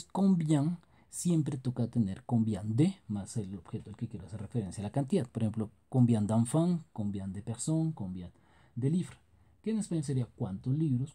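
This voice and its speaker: Dark husky man teaching French grammar. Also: medium pitch. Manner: explains in Spanish, reads French examples slowly. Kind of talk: scripted grammar lesson narration.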